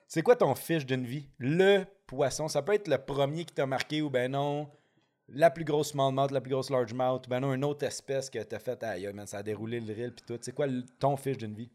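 A man's voice: mid-range voice, moderate pace, a little mellow. A man with a Québécois French accent hosting a casual chat, teasing and slangy, mixing in English words.

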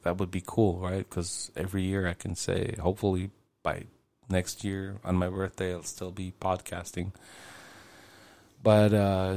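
A man in his late forties talks straight to his listeners on a solo podcast, rambling and swearing as it comes. His voice sits very low and has a gravelly fry, and it is recorded close and dry. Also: a little mellow, no echo. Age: 40s. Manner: rambling, conversational, swears casually. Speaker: podcast host. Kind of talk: casual solo podcast monologue.

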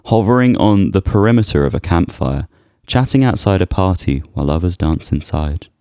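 Deep-voiced playful man, dry sound. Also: animated, moderate pace, a little mellow, clear, resonant tone, dry recording. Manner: playful, laughs easily. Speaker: podcast co-host. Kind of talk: casual chat.

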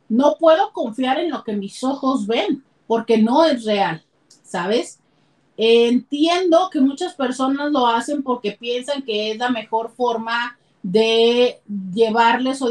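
A woman with a Mexican Spanish accent hosting a casual advice talk on relationships. She speaks in an animated way and slips into acted quotes with jumps in pitch. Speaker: host and relationship counselor.

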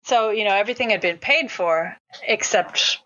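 A middle-aged American woman who organizes conferences talks casually in an interview, full of fillers and restarts. Her voice is mid-range with a sharp tone at a normal speed. The sound is dull and lo-fi.

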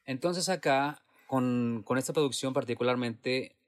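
A Latin American man who acts in and produces theater answers interview questions in a mid-range, slightly slow voice. He comes across as reflective and hesitant, restarting often and using many fillers.

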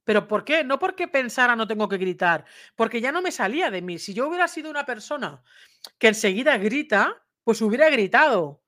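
A woman's voice: a little high, expressive, a little fast, fairly bright tone. A woman commenting on a dog attack video in a casual, conversational way, often checking in with her listener and explaining step by step. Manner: imitates bite sounds and raises voice for emphasis.

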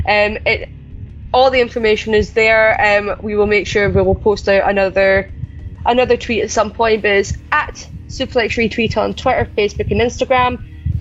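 Her Scottish accent sits somewhere between Edinburgh and Glasgow as this woman chats casually on her podcast. She speaks a little high, and the recording loses its highs.

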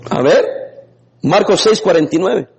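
A man preaching a lively sermon as a pastor, laughing now and then and breaking into sudden shouts. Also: sits high, unhurried, creaky. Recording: long reverb in a hall.

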